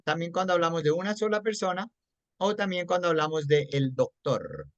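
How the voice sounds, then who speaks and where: This lo-fi, echo-free recording captures a mid-range voice with lively intonation, talking a little fast. It belongs to a Colombian-accented English teacher in an online class, patiently going over grammar in Spanish mixed with English and frequently making sure the student understands.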